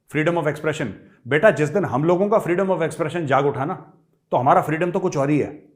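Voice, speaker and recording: A man giving fiery, taunting political commentary straight to his viewers, addressing them as friends. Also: a little high.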